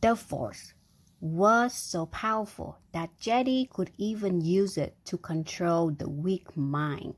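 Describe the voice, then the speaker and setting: This woman speaks at a fairly low pitch, unhurried and slightly rough. She reads a storybook to a young child and breaks off for friendly, engaging asides, prompting with questions and sound effects.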